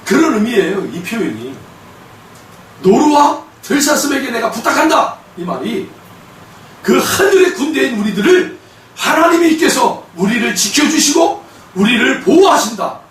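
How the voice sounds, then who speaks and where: A male pastor preaches with a high, lively voice that leaps up and down, punctuating his sermon with shouts and pointed questions. He stands well away from the mic in a ringing sanctuary, and a faint hum sits underneath. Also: normal speed. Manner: emphatic, with shouted bursts and rhetorical questions. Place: church sanctuary. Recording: echoey hall from a distant mic.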